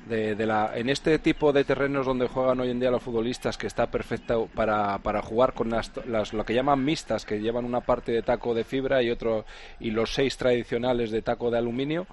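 Man, ex-keeper, mid pitch, hesitant analysis, faint hum. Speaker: former goalkeeper pundit. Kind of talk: studio analysis.

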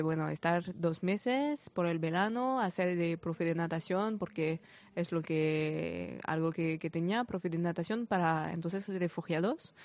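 French girl in her 20s, second-language speaker searching for words, interview answers, kinda low voice. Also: a little mellow, no room sound. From France. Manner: halting, searching for words in non-native Spanish. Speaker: interview guest, sports volunteer.

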